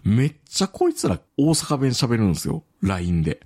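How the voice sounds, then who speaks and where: Animated man with a husky low voice. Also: brisk. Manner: animated storytelling, swoops up in pitch, laughs often. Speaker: podcast co-host. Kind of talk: casual chat.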